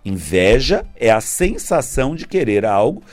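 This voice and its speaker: A man giving a casual spiritual talk to viewers, animated and acting out little scenes. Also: medium pitch, unhurried, faint music behind. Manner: animated, acts out little scenes with put-on voices.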